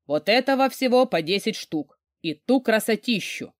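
A woman's voice: a little high, expressive, normal speed, no room sound, clean studio sound, pitched above the performer's own voice, lightly acted. A woman voicing an overbearing wealthy man, a huge mocking boss who barks orders. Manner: gruff, barking, mocking orders.

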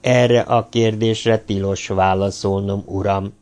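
A man reading an audiobook, voicing a captured male robot assassin who answers quietly, slowly and stubbornly. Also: fairly low pitch, fairly even intonation, close to an everyday voice. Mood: defiant. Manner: soft, slow and stubborn.

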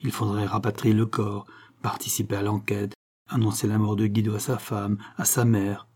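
A man narrates a crime story as an audiobook, steady and measured. His voice is dark and mellow with a husky grain. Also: on the low side.

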